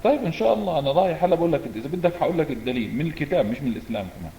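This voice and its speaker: Animated Levantine man rebutting. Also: fairly high pitch, very fast, roomy sound, dull audio, slight background noise. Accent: Levantine Arabic. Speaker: debater. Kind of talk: religious debate.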